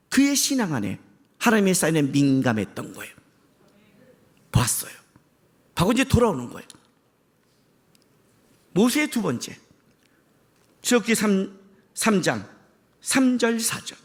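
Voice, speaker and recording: A man preaching a sermon as pastor, impassioned, shouting for emphasis and firing rhetorical questions at the congregation. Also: high voice, sing-song, a little slow, pauses often.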